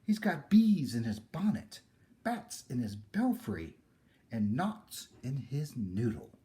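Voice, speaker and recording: A man's voice: medium pitch, sing-song, slow pace, mellow. A man voicing scandalised storybook neighbors, exclaiming indignantly. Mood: mocking, scandalised.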